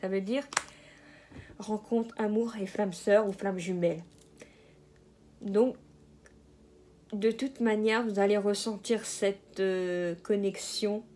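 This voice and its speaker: A woman talks through a tarot reading at an unhurried, slow pace, her pitch sitting in an ordinary middle range. She hesitates often, restarting sentences and filling gaps, and chuckles at her own jokes. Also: steady tone, mellow. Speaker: tarot card reader. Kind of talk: casual general tarot reading.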